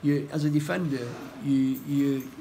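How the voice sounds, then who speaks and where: A middle-aged football manager giving a post-match interview, plain-spoken and halting, often repeating his words. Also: medium pitch, steady tone, gravelly, mellow, a little hiss or hum, poor audio. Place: indoor room by a stadium door.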